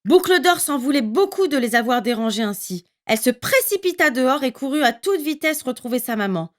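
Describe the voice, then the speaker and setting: Woman storyteller, children's tale, animated melody, high voice. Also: a little fast. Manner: lively, expressive reading.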